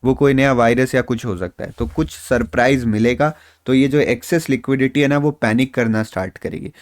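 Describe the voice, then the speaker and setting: A man's voice: medium pitch, steady tone, brisk, no room sound. Man giving casual market talk. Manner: reassuring, conversational, mixes English phrases into Hindi. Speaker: stock market trader and YouTube host. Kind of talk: casual explanatory market analysis.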